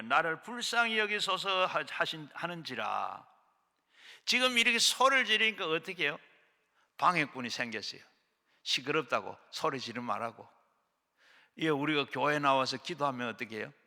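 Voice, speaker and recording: A middle-aged male pastor preaching a fervent sermon, swinging between loud shouts and hushed low lines, at a prayer retreat hall.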